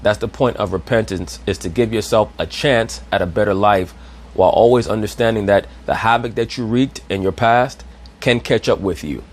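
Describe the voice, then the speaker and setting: This man, an online commentator, has a voice on the low side and a moderate pace. His monologue is preachy, full of rhetorical questions, and aimed at listeners he calls brothers.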